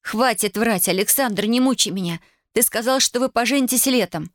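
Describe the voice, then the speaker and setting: Narrator doing an indignant young woman, high and loud, bitterly reproachful, audiobook. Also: quick pace, no echo, clean studio sound. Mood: anguished.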